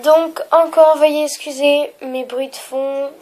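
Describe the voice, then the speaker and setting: A young woman with a stuffy nose from a cold, explaining a craft tutorial at home with many fillers and soft, trailing phrases. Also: high-pitched, steady tone, unhurried, a little hiss or hum, low-quality recording. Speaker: polymer clay tutorial maker.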